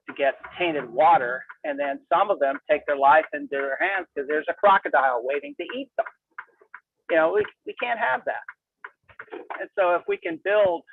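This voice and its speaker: A man calling in by cell phone while driving, speaking in a halting, rambling way with many fillers and restarts. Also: a little high, creaky, no echo. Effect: calling in by cell phone from a moving car. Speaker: caller. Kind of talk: call-in open mic. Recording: tinny distant phone line.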